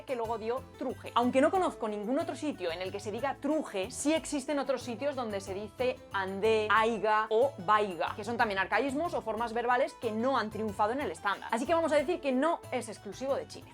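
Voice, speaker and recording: A woman hosting a linguistics lesson, lively and playful, asking herself rhetorical questions. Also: on the high side. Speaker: linguistics video host. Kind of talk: scripted educational explainer. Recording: light background music.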